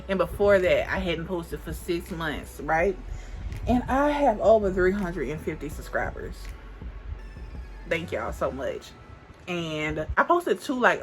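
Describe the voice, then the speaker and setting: On poor-quality audio, a woman in her twenties with a fairly low voice talks to camera as she applies makeup. The beauty vlogger rambles, thinking out loud with lots of restarts and frequent "like."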